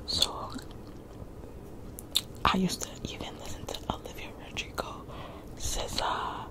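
A woman in her twenties doing laid-back, rambling ASMR chat in a breathy whisper, close to the mic, softly repeating her phrases. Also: unhurried. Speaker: ASMR creator. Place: small bedroom, lying in bed. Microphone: desk condenser microphone very close to the mouth.

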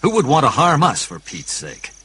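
A man's voice: on the high side, huge pitch swings, normal speed, sharp tone, husky, exaggerated voice, rough recording. A man voicing a puzzled male chief astronomer in a storybook read-along, earnest and explanatory.

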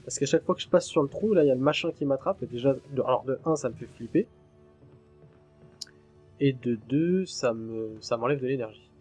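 Jumpy, swearing French gaming commentator. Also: male voice, mid-range voice, a little fast, darkish tone, husky, soft background music. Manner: chatty and jumpy, swears freely when startled. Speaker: gaming channel host. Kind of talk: let's play commentary.

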